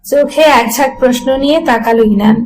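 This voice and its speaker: A woman narrating a romance audio story in a steady storytelling manner. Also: a little high, quick pace, vocal fry, soft background music, poor audio.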